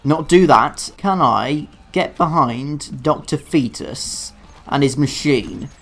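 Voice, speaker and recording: A man commentating his own gameplay in a dark room, swearing at his failures and making sarcastic, self-mocking asides. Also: on the high side, takes it slowly, faint music behind. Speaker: let's play gamer. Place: dark room alone at a computer.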